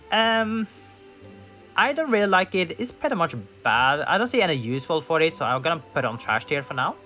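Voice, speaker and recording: Gaming commentator, male, higher voice, casual and thinking aloud, faint music bed. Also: bright, forceful tone. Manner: thinks aloud with fillers and restarts. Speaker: gaming YouTuber. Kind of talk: casual tier list commentary.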